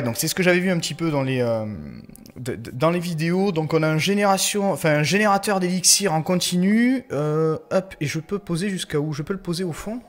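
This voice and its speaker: Gaming vlogger, male, slightly high voice, halting delivery full of fillers, sudden excited bursts. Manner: hesitant, many fillers and restarts, excitable outbursts. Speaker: gaming YouTuber. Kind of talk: casual gameplay commentary.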